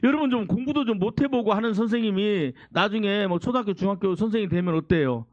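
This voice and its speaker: A man with a Jeolla Korean accent preaching a sermon as pastor, swinging from loud exclamations to hushed near-whispers. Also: high voice, fast talker, no echo, highs cut off.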